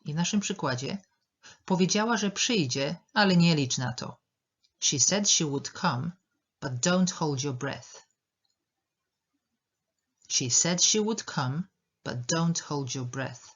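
A woman leads an English lesson, going word by word and saying each one twice. Her voice is a little husky and she speaks slowly. The recording sounds dull and lo-fi. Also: sits low. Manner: slow, careful, repeats words for pronunciation. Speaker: English teacher. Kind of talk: language lesson.

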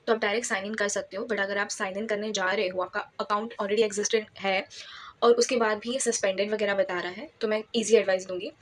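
A woman hosting her channel, talking casually through an app tutorial and giving advice in a voice-over. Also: medium pitch. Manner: chatty, advice-giving, mixes English into Hindi. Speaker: YouTube channel host. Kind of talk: casual screen-recording tutorial.

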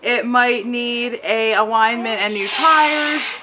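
A family vlogger in her twenties gives a rambling, casual update from her home kitchen, filming herself on a phone held close. She's chatty and full of fillers, with a slightly high, sharp-toned voice, a slow pace, and a faint hiss or hum.

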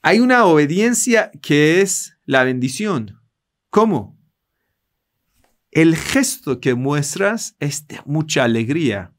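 A man's voice: fairly high pitch, sing-song, takes it slowly. A man from Iran with a Persian accent, a native Persian speaker, teaching a religious class in Spanish and earnestly addressing his listeners. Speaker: Islamic teacher.

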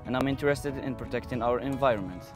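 A man's voice: mid-range voice, quick pace, music in the background. Teen male student from Algeria, careful earnest delivery, outdoor interview. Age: teens. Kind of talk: interview to camera. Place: outdoors on a campus lawn.

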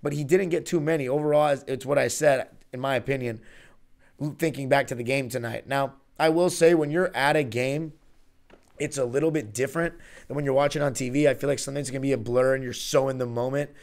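A man's voice: medium pitch, fairly even intonation, fairly quick, vocal fry. A young man in his twenties hosting a solo basketball podcast, breaking down a game like a fan, often correcting himself mid-sentence. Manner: rambling, self-correcting, fan enthusiasm. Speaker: podcast host. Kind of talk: solo postgame basketball analysis. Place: small room before a virtual arena backdrop. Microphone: studio mic on a stand in front of him.

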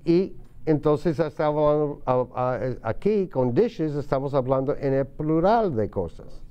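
A man teaching English to a class, patiently repeating words slowly for his students. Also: on the high side, expressive, smooth, lo-fi sound. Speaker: ESL teacher. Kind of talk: classroom lesson.

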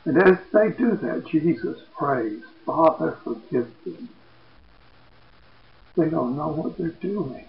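Slow, dramatic male preacher, echoey sound. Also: a little high, gravelly, dull audio. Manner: slow, dramatic retelling, lively quoted voices. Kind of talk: sermon narration of scripture.

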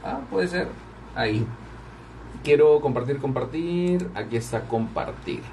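A man's voice: medium pitch, lively intonation, measured pace, gravelly, a little mellow, distant mic, a little hiss or hum. A man hosting a live stream, chatting casually with viewers while he runs the music. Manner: chatty, talks to viewers while working the controls. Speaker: radio and livestream host.

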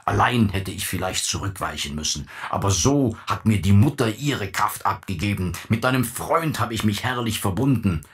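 Brief: a raging, contemptuous old patriarch, put on by a male audiobook reader, low and heavy. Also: animated, normal speed, hardly any pauses, close to an everyday voice. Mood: scornful. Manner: contemptuous, bursts into shouting rants. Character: domineering old father, scornful and raging.

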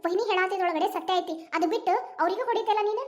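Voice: very high voice, racing. A voice artist playing a spirited young student sister who argues back insistently, with a North Karnataka Kannada accent. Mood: defiant.

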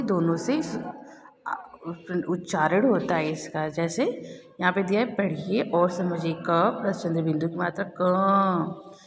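A woman teaching young children, speaking very slowly and drawing out each word as she reads. She keeps turning to her students with simple questions. Her voice rings in a reverberant room, with faint ambience behind her. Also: on the low side, slight background noise. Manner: slow, drawn-out reading of words; addresses students directly, repeating questions. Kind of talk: online kindergarten Hindi lesson.

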